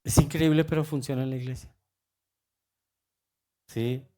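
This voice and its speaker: A man preaching a sermon with passion, swinging between loud urgent calls and quiet low remarks. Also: steady tone, a little slow.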